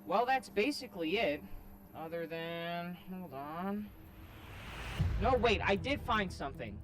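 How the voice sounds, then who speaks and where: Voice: medium pitch, animated, a little slow. An actor voicing a helpful robot assistant in a scripted video sketch, reporting findings in a matter-of-fact, dutiful way with a robot voice effect. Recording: music bed behind.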